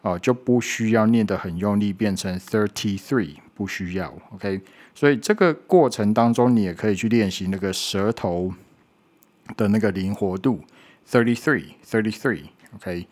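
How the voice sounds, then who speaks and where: An English pronunciation teacher, a man with a somewhat low and slightly mellow voice, talks students through sounds. He is patient, goes slowly, repeats each sound several times, and often checks in by saying "OK".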